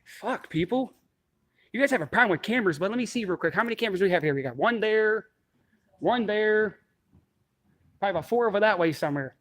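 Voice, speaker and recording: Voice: mid-range voice, expressive, quick pace, dry recording. A blunt, insistent person who repeats demands and swears, arguing and commenting confrontationally while filming in a building lobby. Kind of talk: confrontational argument and commentary to camera.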